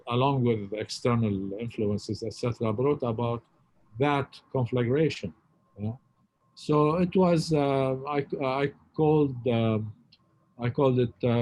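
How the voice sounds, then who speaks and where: A man in his sixties who grew up in Lebanon, speaking as a professor in a relaxed interview. He talks in halting stretches, with plenty of fillers and restarts, heard over a video call. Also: medium pitch, rough recording. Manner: hesitant, many fillers and restarts.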